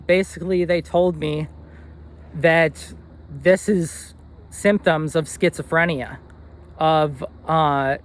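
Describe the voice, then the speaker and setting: Earnest young man with a higher voice. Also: a bit bright. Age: 20s. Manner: earnest, rambling with fillers and restarts. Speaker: vlogger. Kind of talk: personal storytelling to camera.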